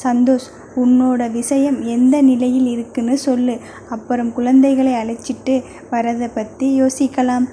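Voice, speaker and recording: A woman's voice: fairly high pitch, little pitch movement, moderate pace, mellow, slight background noise, natural voice. A woman reading as a stern older brother. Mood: firm. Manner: blunt, curt replies. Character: stern, protective young man, an older brother. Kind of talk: audio novel reading.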